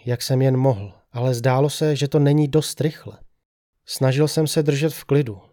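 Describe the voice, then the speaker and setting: A man reading a first-person horror story as scripted narration, with a measured, steady storytelling delivery. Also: medium pitch, dry recording, studio quality.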